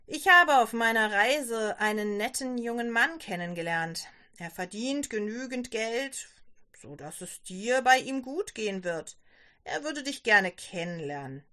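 A woman voicing a stern middle-aged merchant father who gets angry and scolds loudly. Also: a little high, lively intonation, measured pace. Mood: jovial. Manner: loud, scolding, dismissive.

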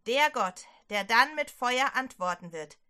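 A woman's voice: fairly high pitch, expressive, a little slow, sharp tone, clear, resonant tone. A woman doing a stern commanding prophet. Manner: firm, scolding and commanding.

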